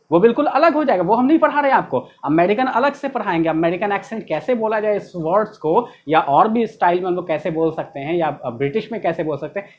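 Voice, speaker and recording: An Indian-accented woman gives a pronunciation lesson at a mid pitch, spelling words out and saying them over and over. The recording is a little dull and lo-fi. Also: darkish tone. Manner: explanatory, spells words letter by letter and repeats them. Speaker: English pronunciation teacher. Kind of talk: classroom lesson.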